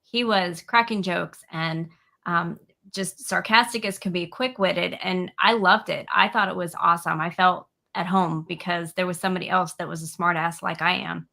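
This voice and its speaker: Gravelly, bright-voiced frank woman host. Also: lowish voice, steady tone, normal speed. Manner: frank, outspoken. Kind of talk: casual interview chat.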